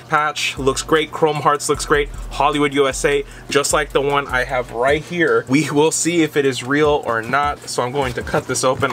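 A man's voice: medium pitch, a little hiss or hum. A young man hosting a casual unboxing vlog from a dim room at home, talking straight to the camera. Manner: animated, talks straight to camera with gestures. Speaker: resale vlogger.

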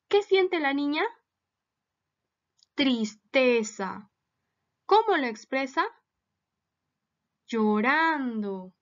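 Woman teacher talking to kids, slow and patient, asks lots of questions, high voice. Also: lo-fi sound. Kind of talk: recorded lesson for children.

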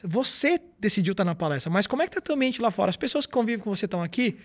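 A man's voice: sits high, racing. A man, a guest speaker in a podcast interview, telling stories and acting out what people said to him. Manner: animated storytelling, acts out quoted dialogue.

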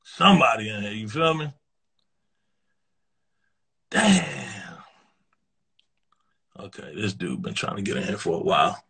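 Husky teasing livestream roast host. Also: male voice, lowish voice, big pitch swings, measured pace, pauses often, bright, forceful tone. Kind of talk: live-stream roast banter.

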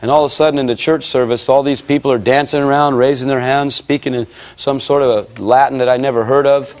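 A man's voice: mid-range voice, quick pace. An American man giving his testimony at a church service, telling a vivid story and acting out the dialogue. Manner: lively storyteller, acts out dialogue, grows excited.

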